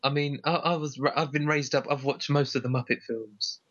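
A man's voice: mid-range voice, flat delivery, a little fast, fairly bright tone, highs cut off. A man co-hosting a casual comedy chat about films, rambling and correcting himself as he goes. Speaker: co-host.

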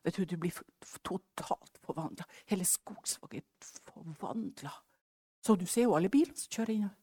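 A woman preacher telling a personal testimony in a storytelling sermon, acting out the dialogue and dropping to hushed asides. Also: fairly low pitch, animated, slightly rough, no room sound, clean studio sound.

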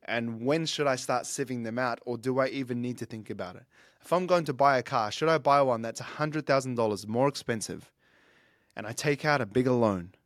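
Medium-pitched and a bit bright, this man's voice is recorded in studio quality without echo. In his thirties, the podcast host and fitness coach reflects earnestly on life lessons in a casual monologue, often restarting sentences.

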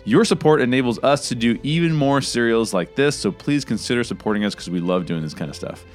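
A man who wrote the story reads it aloud as a steady, scripted audiobook narration, then talks casually as the show's host. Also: medium pitch, fairly quick, faint music behind. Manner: steady, even-paced storytelling; relaxed and chatty in the outro. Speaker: author and narrator of a serial audiobook podcast.

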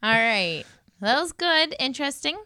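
A woman's voice: sits high, big pitch swings, moderate pace, bright, forceful tone, smooth, dry recording, clean studio sound. A woman co-hosting a podcast, chatting casually and throwing in joking asides. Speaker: podcast co-host. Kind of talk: casual chat.

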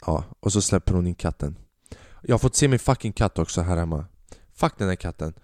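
Brief: low-voiced twenties male comic, profane rambling monologue, dry close sound. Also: no echo. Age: 20s. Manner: profane, rambling, animated storytelling. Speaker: podcast host and stand-up comedian. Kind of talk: casual comedic monologue.

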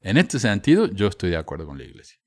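Low-voiced man, sardonic commentary. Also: huge pitch swings, quick pace, no echo, studio quality. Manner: sardonic, frank, with fillers and restarts. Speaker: commentator on religious texts. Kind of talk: casual spoken commentary.

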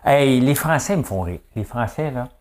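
A man's voice: mid-range voice, animated, moderate pace, a little mellow. A middle-aged man with a Québécois accent giving a jokey, rambling opinion monologue that keeps asking "hein?". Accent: Québécois French. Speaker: commentator.

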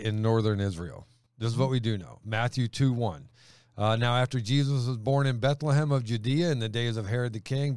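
A man from Honduras hosting a relaxed Bible discussion, laughing easily and reading scripture aloud. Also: on the low side, clean tone, no room sound. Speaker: host.

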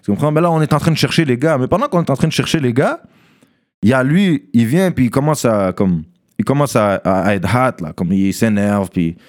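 A young man tells a story to friends in a casual, animated way, mixing in English slang and often asking "tu comprends?". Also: medium pitch, a little fast.

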